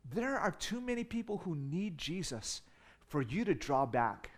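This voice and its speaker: Middle-aged pastor, slightly high voice, animated story-driven sermon. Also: male voice, unhurried. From United States. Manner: animated storytelling with humor, rising in volume for emphasis.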